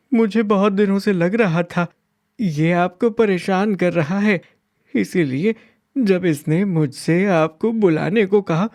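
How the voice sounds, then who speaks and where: A man voicing an eager, remorseful young village boy in a cartoon, talking high and excitedly. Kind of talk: cartoon voice acting.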